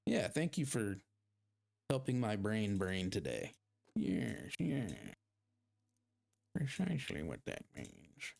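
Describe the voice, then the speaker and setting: A lowish, gravelly, somewhat dark male voice moves slowly in a sing-song rhythm, with long pauses. He's streaming a game and chatting casually with his audience, rambling and poking fun at himself while he plays.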